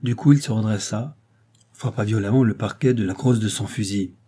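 Husky low male audiobook narrator. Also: normal speed, mellow. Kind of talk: scripted novel narration.

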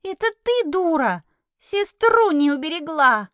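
A tiny winged kitten with a squeaky, very high voice, proud and cheeky as he pipes up, put on by a woman reading an audiobook. The voice has a slightly odd, unusual timbre, and the recording is close and dry. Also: very animated, slow, no room sound, heavily acted. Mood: indignant.

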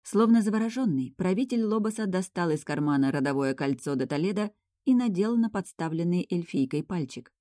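A woman's voice: on the low side, animated, fairly quick, hardly any pauses, dark tone, no echo, studio quality. A woman reading a fantasy novel aloud as audiobook narrator. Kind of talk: scripted narration.

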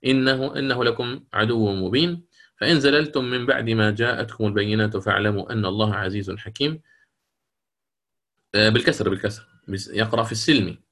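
Male Quran teacher, measured explanations, slow chanted recitation. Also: on the low side, a bit bright. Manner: explains readings, then recites verses slowly with melodic chant; careful explanatory, hesitant fillers. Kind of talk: online Quran readings lesson.

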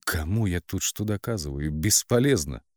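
A man's voice: low voice, animated, normal speed, darkish tone, no echo, clean studio sound. A man voicing a desperate, hurt young woman who pleads and cries out against her family. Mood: anguished. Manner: pleading, anguished.

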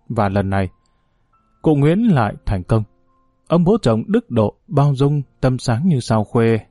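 Warm-voiced man narrating an audiobook. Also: medium pitch, no room sound, clean studio sound. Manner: steady storytelling reading.

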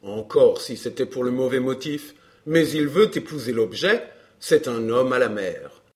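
A man reading a glib, self-assured gentleman in an audiobook dialogue, smooth and bantering. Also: medium pitch, animated, measured pace, natural voice.

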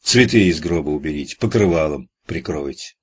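A brisk gravedigger foreman who gives curt, practical orders, read by a male narrator. His voice is low and husky. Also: animated, a little mellow, heavily acted. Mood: commanding.

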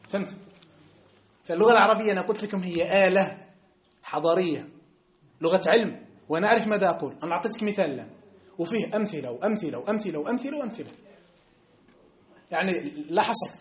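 A man with a North African Arabic accent teaching a religious class. He is emphatic and keeps asking his listeners whether they have understood. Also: high-pitched. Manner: emphatic, keeps checking understanding with rhetorical questions. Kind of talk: classroom lesson. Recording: echoey room.

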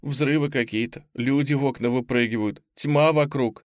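A man voicing a frightened teenage schoolgirl in an audiobook, speaking high and shaky. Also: normal speed, dry recording, clean studio sound, natural voice. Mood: tearful.

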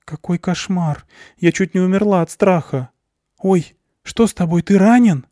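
A man's voice: high voice, normal speed, dark tone, no room sound, studio quality, pitched above the performer's own voice, lightly acted. A man reading an audiobook, voicing a frightened young woman with a shaky voice.

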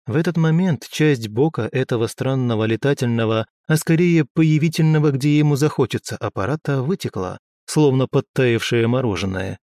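A man's voice: mid-range voice, normal speed, few pauses, a little mellow, no echo, studio quality. A man narrating an audiobook with wry, ironic asides. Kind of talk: scripted narration.

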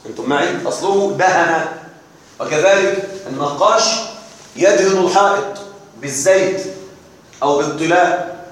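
A man teaching a grammar class, sounding out letters slowly and often checking that his students are following. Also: on the high side. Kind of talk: classroom lecture on Arabic grammar. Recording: echoey classroom.

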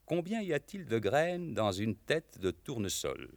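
A brash village seducer in a stage farce. His mid-pitched voice swoops animatedly as he teases and cajoles. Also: sing-song, unhurried, no room sound. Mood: teasing, wooing. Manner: teasing, with chuckles. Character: brash flirtatious village gallant, teasing and cajoling. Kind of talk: French stage farce acting.

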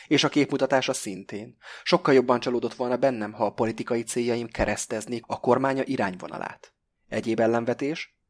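A soft-spoken, sardonic hijacker speaks with icy calm, read by a man in an audiobook. His husky voice stays level and polite while the threat sits underneath. He mocks his captives without ever raising his tone. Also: mid-range voice, close to an everyday voice. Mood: coolly mocking. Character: calm, mocking male hijacker, coolly menacing.

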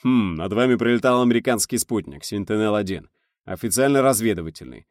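Gruff middle-aged commander, low and stern, dry sound, read by a man. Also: expressive, brisk, no room sound, lightly acted. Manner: gruff, commanding over the radio.

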